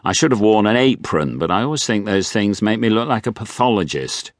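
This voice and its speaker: Brief: a man voicing a jovial obstetrician, lively delivery. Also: on the low side, brisk, dry recording, studio quality, voice pushed up, lightly acted. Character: jovial posh male obstetrician.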